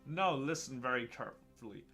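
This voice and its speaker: A man voicing an ancient, wise male tree spirit, reading game dialogue aloud in slow, archaic, solemn tones. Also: medium pitch, bright, forceful tone, faint music behind, natural voice.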